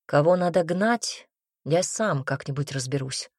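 A woman's voice: low voice, lively intonation, unhurried, a little mellow, no room sound, studio quality, voice pushed down, full character voice. A woman voicing a cold, stern male boss. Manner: cold, demanding.

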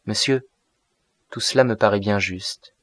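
A man reading the part of a naive young woman, a pastor's daughter, in an audiobook, speaking with earnest, soft wonder. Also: on the low side, flat delivery, normal speed, no room sound, clean studio sound, natural voice.

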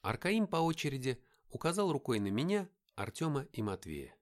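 A man narrating a first-person audiobook with an expressive storytelling read. His voice sits mid-range and moves around a lot in pitch. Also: moderate pace.

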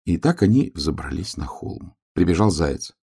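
A man's voice: sits low, big pitch swings, moderate pace, vocal fry, warm tone, slightly rough. A man reading a children's storybook aloud, narrating expressively.

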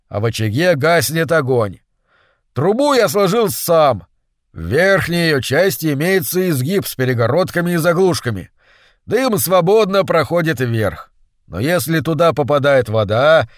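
A man voicing a dignified hermit who has lived by a waterfall for decades, speaking loudly, almost shouting. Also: mid-range voice, dry recording, studio quality, natural voice. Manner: loud, near-shouting delivery.

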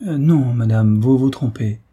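A man's voice: medium pitch, measured pace, warm tone, husky. A man voicing a respectful, earnest young page in an audiobook story.

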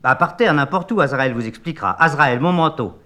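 Brief: brisk, bossy lady Death, voiced by an older man. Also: on the high side, expressive, pushed and bright. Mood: commanding. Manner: brisk, commanding.

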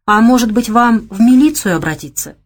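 A woman voicing a chatty, curious young woman vendor, raising her voice and speaking with animation. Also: a little fast. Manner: animated, teasing, raised pitch.

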